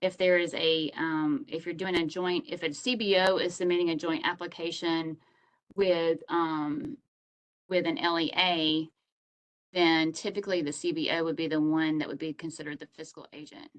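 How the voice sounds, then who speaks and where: A woman's voice: sits low, flat delivery, moderate pace, rough recording. A woman hosting online office hours, explaining grant application rules over a video call in a conversational, step-by-step way.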